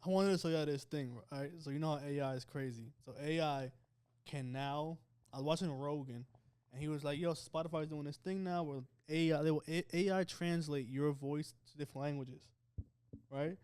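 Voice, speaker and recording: A man's voice: a little high, steady tone, normal speed, darkish tone, clean tone. A man with a New Jersey accent, hosting a casual chat and telling a story, laughing often. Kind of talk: casual chat among friends.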